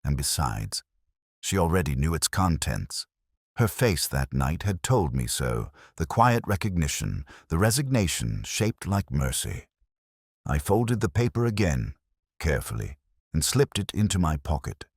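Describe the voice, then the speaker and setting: This scripted detective tale is read by a man whose voice is extremely low and husky. He keeps the delivery solemn, measured and literary, with big expressive pitch swings, in a close, dry recording.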